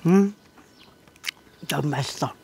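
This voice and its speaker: Low-voiced woman chewing with her mouth full. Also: takes it slowly, darkish tone. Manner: blunt, savoring with long hums. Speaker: mukbang channel host. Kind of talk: casual eating vlog. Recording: clear background noise.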